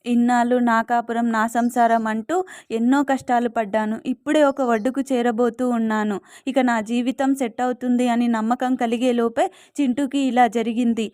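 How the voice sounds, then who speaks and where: Tearful secretive young mother in a story recap, high voice, dry sound, as a woman narrator reads her. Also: flat delivery, normal speed, darkish tone, no room sound, lightly acted. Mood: grieving. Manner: tearful, pleading.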